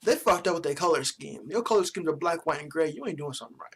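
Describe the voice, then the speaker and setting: A man's voice: a little high, fast, breathy edge. Blunt, profane man rating basketball jerseys. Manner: blunt, profane, joking opinions; relaxed slangy talk. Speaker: sports vlogger. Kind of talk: casual jersey review vlog.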